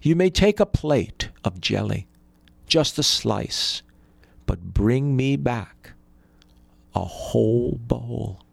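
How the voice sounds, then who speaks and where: A man plays a stingy rich brother with a curt, grudging manner. His voice stays gravelly and low-key. The sound is dry. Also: lively intonation, slow pace, no echo, full character voice.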